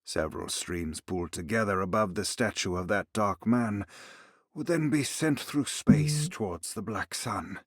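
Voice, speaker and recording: A grave, ominous narrator reads occult lore for a horror game, slow and deliberate. His voice is deep and husky and sinks into a whisper, recorded close and dry. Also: no room sound. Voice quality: husky, hushed, falling to a whisper. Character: grave male narrator reading ancient lore.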